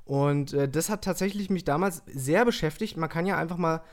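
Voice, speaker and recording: A man's voice: a little high, fairly quick. Blunt young man hosting a casual chat. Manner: blunt, crude jokes, relaxed storytelling. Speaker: podcast host and YouTuber.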